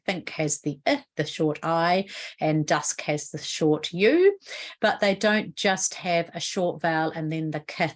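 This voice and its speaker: A woman with a New Zealand accent explaining a spelling rule in an instructional video lesson, patient and explanatory, often asking the viewer questions. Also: fairly low pitch. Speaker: literacy educator.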